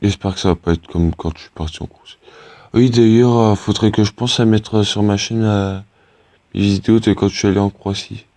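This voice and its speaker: A teenage boy with a low, deep voice talks his viewers through a game in loose, rambling chat. He stops and restarts a lot and fills the gaps with hesitant fillers. The recording is dry and close. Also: fairly even intonation, brisk, warm tone, no room sound. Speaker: gaming YouTuber. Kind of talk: casual gameplay commentary.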